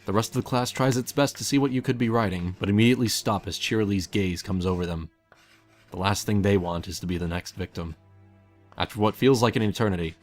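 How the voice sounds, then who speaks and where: Narrating fan fiction, a man with a low voice reads scripted second-person prose over soft background music.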